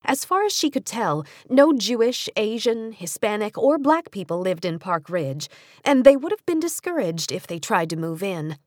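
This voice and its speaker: Reading nonfiction for children, an American woman uses a mid-range voice and a careful, measured delivery that brings an expressive, story-like feel. The studio mic is close, and there's no room sound.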